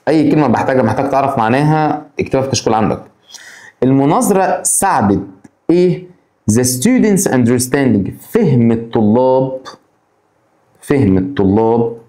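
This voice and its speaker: An Egyptian man teaches English vocabulary for an exam. His voice rises and falls in a lively way as he fires questions straight at his students. The sound is roomy, with a noticeable echo. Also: mid-range voice. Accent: Egyptian Arabic. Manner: addresses students directly with quick rhetorical questions. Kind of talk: exam-prep lesson explaining vocabulary.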